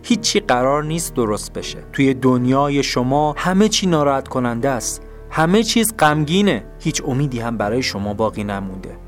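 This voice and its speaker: A man's voice: medium pitch, expressive, soft background music, lightly acted. A man voicing Sorrow, a gloomy male general who personifies grief and taunts his foes in a mournful tone, in a narrated audio story. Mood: gloomy taunting.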